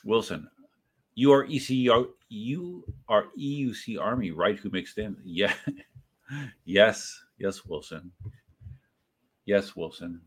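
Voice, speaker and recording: Give me a slightly low-voiced man casually hosting a livestream, rambling and chatting with viewers. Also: takes it slowly, long pauses, husky. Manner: rambling and self-correcting, talks to viewers by name. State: has had a few drinks. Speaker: livestream host. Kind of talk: casual livestream chat, reading out chat messages.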